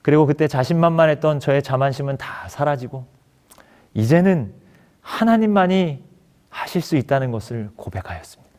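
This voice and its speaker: A man's voice: on the high side, animated, moderate pace, darkish tone. A man preaching a sermon as pastor, earnestly telling a personal story and acting out its dialogue. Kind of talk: sermon testimony.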